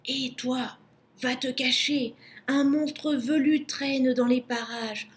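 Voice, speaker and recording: A woman's voice: sits high, fairly even intonation, takes it slowly. A woman voicing a fearful, secretive llama in a storybook, in whispered role-play.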